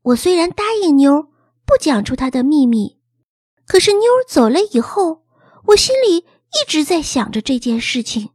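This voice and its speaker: A woman narrating a children's story in an expressive, childlike storytelling manner. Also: high-pitched, moderate pace, dry recording, studio quality. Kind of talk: storybook reading.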